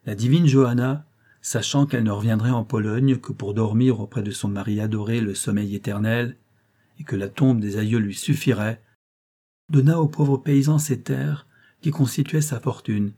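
A man's voice: medium pitch, moderate pace, mellow, lightly acted. A man reading a proud, loving hidden princess. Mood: earnest. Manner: solemn, declamatory. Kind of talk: audiobook reading.

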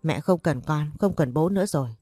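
A bitter, estranged father spits out accusations to his daughter in a low, mellow tone, with a woman reading his lines. The sound is close and dry. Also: fairly quick, dry recording, soft background music.

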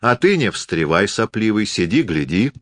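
A man voicing a sly, stern shop clerk who talks in a folksy, gruffly knowing way. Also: on the low side, sing-song, normal speed, a bit bright, dry recording, studio quality.

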